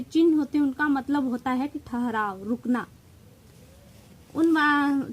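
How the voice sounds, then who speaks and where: A woman's voice: high voice, darkish tone, rough recording. A woman teacher with a Hindi accent giving an exam-prep grammar lesson, explaining step by step, stressing key terms and mixing in English words.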